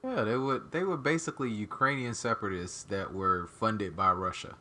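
A man's voice: lowish voice, moderate pace, pushed and bright. A man hosting a podcast in casual chat, steering topics and explaining eagerly. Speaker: podcast host.

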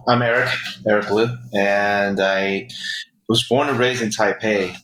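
A man, a guest chef, giving casual interview answers in a halting way with many restarts, heard through fuzzy distortion and echo. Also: fairly low pitch, steady tone, a bit bright. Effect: fuzzy distortion and echo from a faulty recording. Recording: distorted echoey recording.

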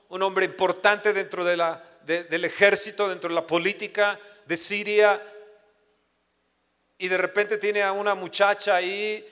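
A man's voice: high-pitched, a bit bright, smooth. A man preaching a sermon. He reads scripture aloud, then tells personal stories with many restarts. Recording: echoey hall with long reverb.

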